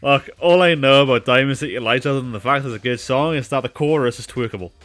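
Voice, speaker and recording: A man's voice: medium pitch, quick pace, a bit bright, faint music behind. A man streaming a video game, joking with a co-player and laughing often. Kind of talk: casual gaming stream commentary.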